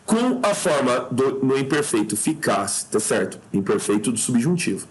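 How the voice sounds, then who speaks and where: A man's voice: medium pitch, very animated, moderate pace. Male teacher, informal exam-review delivery, reads a question and then explains it. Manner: informal, reads questions aloud then comments, frequent "tá?" checks. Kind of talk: casual exam review lesson.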